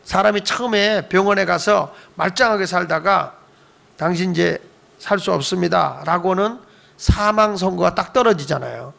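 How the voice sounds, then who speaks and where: Preaching at a moderate pace, a middle-aged pastor gives a Friday night sermon in a church sanctuary. His high voice carries a gravelly edge, and he plays to the congregation with humor, calls for amens, and voices the people in his stories through sudden shifts in pitch and loudness.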